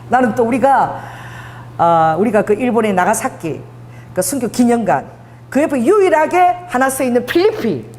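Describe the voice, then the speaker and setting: Lively high-voiced Busan woman preaching. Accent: Busan dialect. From Busan, South Korea. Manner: animated storytelling, acts out dialogue, laughs often. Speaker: pastor. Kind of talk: sermon. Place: church sanctuary. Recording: long hall reverb.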